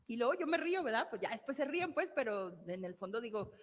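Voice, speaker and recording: A woman's voice: on the high side, big pitch swings, fast talker. A woman therapist with a Mexican accent giving an emphatic motivational talk, repeating key phrases and asking rhetorical questions. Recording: long hall reverb.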